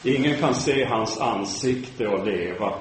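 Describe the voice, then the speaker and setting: A man giving a sermon lecture in a measured, solemn way, sometimes restarting words. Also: fairly low pitch. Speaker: preacher giving a talk. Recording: very echoey room, faint background noise.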